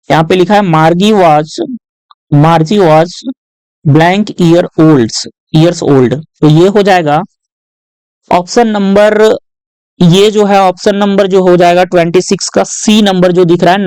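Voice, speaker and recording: In an exam-prep lesson walkthrough, a man tutors students patiently step by step, often adding short tag questions and reading English lines aloud slowly. His high-pitched voice has a darkish, clean tone, and the recording is dry and rough.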